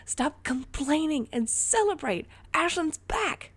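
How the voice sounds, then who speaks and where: A woman voicing an excitable, defiant teenage boy borrower who talks loudly and breathlessly in a storybook reading. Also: medium pitch, moderate pace, close to an everyday voice. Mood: excited, insistent. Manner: loud, breathless and emphatic.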